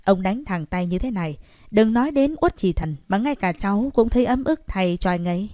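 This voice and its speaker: A woman's voice: mid-range voice, expressive, a little fast, dark tone, no room sound, close to an everyday voice. A woman voicing a cheerful young man who coaxes and pleads with an old grandfather. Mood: coaxing. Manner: coaxing, pleading. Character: cheerful, smooth-talking young man placating elders.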